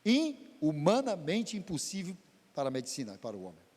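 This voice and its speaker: A man's voice: huge pitch swings, fairly quick, darkish tone, in a large hall. A man preaching, telling a testimony in a dramatic, emotional way. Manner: emotional, dramatic storytelling with big pitch swings. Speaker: pastor. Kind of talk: sermon testimony. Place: church.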